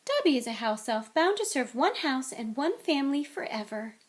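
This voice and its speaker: A woman voicing a timid, devoted male house elf who is high-pitched, earnest and servile, and who speaks of himself in the third person. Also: very animated, normal speed.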